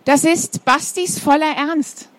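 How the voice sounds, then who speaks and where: A woman's voice: sits high, steady tone, takes it slowly, no room sound, voice pushed up. A woman voicing a proud, self-assured young schoolgirl in a storybook reading.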